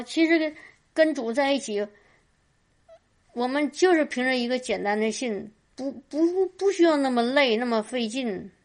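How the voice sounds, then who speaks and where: Woman, lay preacher, testimony sermon, fervent, repeats words, fairly high-pitched. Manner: fervent, often exclaims hallelujah; stammers and repeats words while talking. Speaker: lay preacher sharing at a church meeting.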